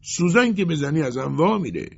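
Storybook tailor: a man playing a gruff, stubborn old craftsman, gravelly and raspy, lo-fi. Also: fairly high pitch, big pitch swings, pitched above the performer's own voice, full character voice. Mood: blunt. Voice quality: blunt, matter-of-fact. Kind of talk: audiobook character voice. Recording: dull lo-fi recording.

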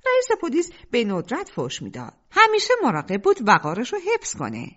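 This audiobook has a woman reading in an animated storyteller's manner, her pitch climbing and dropping over a very broad span. The recording sounds muffled and low-fidelity, with no sharp treble.

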